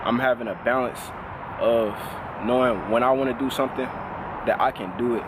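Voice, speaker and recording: A man of twenty talking casually and reflectively as a vlogger, relaxed and full of fillers. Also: medium pitch, a little fast, background noise. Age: 20s. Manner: relaxed, conversational, lots of "like" fillers.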